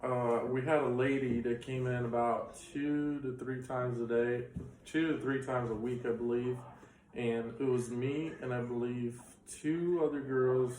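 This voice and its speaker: Picked up by a distant mic with a roomy sound, this man in his twenties was born in Bulgaria and speaks Bulgarian as his first language. He recalls things casually in an interview, rambling and full of fillers, in a steady, darkish mid-range voice that runs a little slow.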